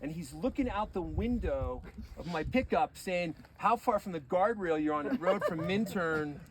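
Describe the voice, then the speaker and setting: A man telling rambling anecdotes about a friend at a memorial gathering, getting animated as he relives the tense moments. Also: sits high, normal speed, a crowd in the background, low-quality recording. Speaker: eulogy speaker. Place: gathering on a deck.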